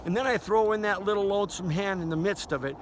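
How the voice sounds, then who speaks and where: Standing by a river, an older duck calling instructor gives an informal hunting lesson, folksy and chatty, in a high, fast voice. Outdoor noise and quacks from duck calls fill the noisy recording.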